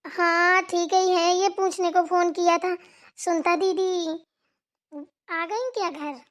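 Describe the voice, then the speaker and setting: A woman's voice: extremely high pitch, fairly even intonation, slow pace, fairly bright tone, lo-fi sound, full character voice. A woman voicing a young daughter-in-law who talks politely and soothes her mother-in-law in a cartoon. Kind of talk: cartoon voice acting.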